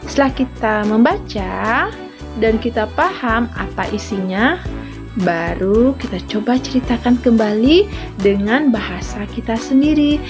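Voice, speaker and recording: A woman primary school teacher giving a video lesson to children, explaining gently and prompting with small asides. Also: a little high, expressive, unhurried. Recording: music playing underneath.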